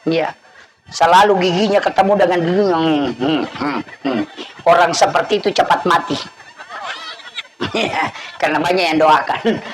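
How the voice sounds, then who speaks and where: A man's voice: sits high, fairly bright tone, poor audio. A man with a Bugis accent preaching a humorous sermon at an evening gathering, teasing the audience and acting out scolding parents.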